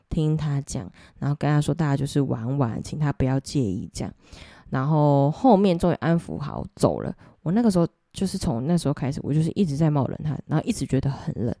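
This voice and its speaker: A woman's voice: sits low, mellow, dry recording, clean studio sound. A young woman with a Taiwanese Mandarin accent hosts a podcast. She tells a ghost story in a casual, chatty way and speaks straight to her listeners. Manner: chatty, addresses listeners directly. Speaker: podcast host.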